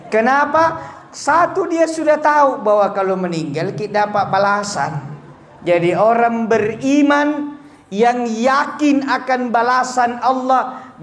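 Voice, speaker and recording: A man preaching a humorous condolence sermon with a Bugis-Makassar accent, joking and quizzing his audience directly. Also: high voice. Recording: echoey room with faint background noise.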